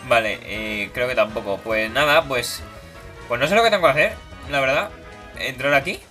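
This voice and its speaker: A young man plays a video game and provides easygoing, playful commentary at a normal pace, his voice expressive, bright, and forceful. As a gaming YouTuber, he does silly high-pitched character voices while music from the game plays behind him.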